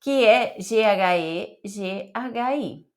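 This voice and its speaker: A woman teaching an online Italian pronunciation lesson, slowly spelling out letters and sounds one by one. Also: medium pitch, lively intonation, darkish tone. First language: Portuguese.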